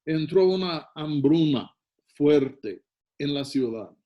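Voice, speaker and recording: A man's voice: on the high side, expressive, slow, dark tone, muffled recording. A man with a Mexican Spanish accent, preaching as a pastor and retelling and reading a Bible story with asides to the congregation. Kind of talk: sermon.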